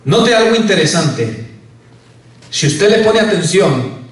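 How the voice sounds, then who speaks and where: High-voiced man preaching in an echoey church. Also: sing-song, slow. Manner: preaching, rising on key words and dropping low on each "hermano". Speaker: pastor. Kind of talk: sermon. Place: church sanctuary. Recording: very echoey church hall, voice from far off.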